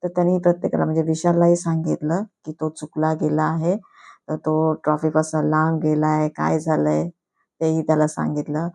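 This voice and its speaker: Lady chatting through a show review, low gravelly voice, dark tone. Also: completely flat delivery. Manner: chatty, mixes English into her talk, quick restarts. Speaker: YouTube reviewer. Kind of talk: casual spoken review.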